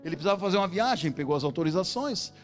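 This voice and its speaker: Brazilian pastor man preaching, super high voice, acts out the story voices, soft music under him. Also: expressive, very fast. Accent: Brazilian Portuguese. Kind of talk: sermon.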